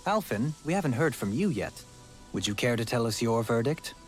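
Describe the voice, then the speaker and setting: An actor playing a refined, gentle and eccentric former lord in a game, speaking in formal, courtly phrasing. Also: male voice, mid-range voice, sing-song, normal speed, soft background music, natural voice. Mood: gracious. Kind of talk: game character dialogue.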